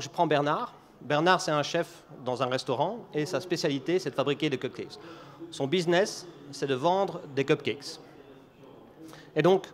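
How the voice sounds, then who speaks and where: A man from Belgium with a Belgian French accent, giving a conference talk and explaining an idea through a running story, with frequent restarts. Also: fairly high pitch. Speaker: conference speaker.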